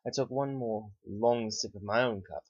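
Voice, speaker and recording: A man reads a first-person horror story in a calm, unhurried manner. His voice sits on the low side and sounds dry and close, with a slightly dull, lo-fi quality to the recording. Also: dry recording. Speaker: narrator.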